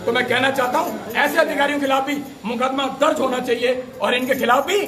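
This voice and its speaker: Fiery fast-talking man with a very high voice. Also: steady tone, a crowd in the background. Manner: fiery, accusing, rhetorical questions. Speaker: protesting political worker. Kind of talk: impassioned protest statement to reporters. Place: outdoors at a street protest.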